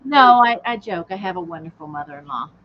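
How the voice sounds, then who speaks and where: A woman's voice: fairly low pitch, animated, fairly quick. Giggly middle-aged woman, lo-fi stream. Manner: giggly, joking, chatty. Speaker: co-host. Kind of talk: casual livestream chat. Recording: dull lo-fi stream audio with faint hiss.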